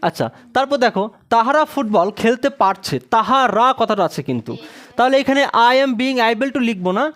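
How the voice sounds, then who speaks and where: A woman teaching a spoken English lesson at a board, spelling out sentences slowly word by word and often asking "right?" before answering her own questions. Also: fairly high pitch, lively intonation. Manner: asks the class questions, then answers them herself.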